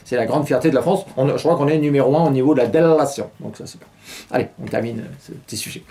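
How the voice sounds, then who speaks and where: A man's voice: medium pitch, fast, dark tone. Rambling middle-aged man hosting a mock newscast. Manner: rambling, irreverent, full of hesitations and chuckles. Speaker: host of a satirical weekly news show.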